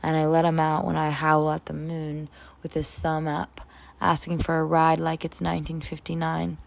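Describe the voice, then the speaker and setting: A woman poet in her 20s performs a spoken word piece in a low voice crackling with vocal fry. She delivers it in a measured, dramatic way, though her melody stays very flat from one phrase to the next.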